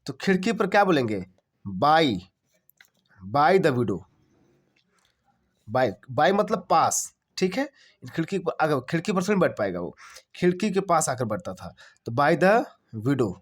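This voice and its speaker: In this translation lesson, a man with a slightly high, husky voice speaks slowly in a sing-song way with long pauses. He teaches English translation by asking and then answering his own questions, spelling out words letter by letter and saying each phrase twice.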